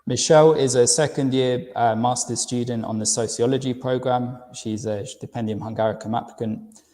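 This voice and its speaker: A university recruitment director from London, United Kingdom, presents a webinar in a reverberant room, speaking London English. His voice is warm and medium-pitched, with a steady tone at normal speed. He is friendly and repeats words as he restarts.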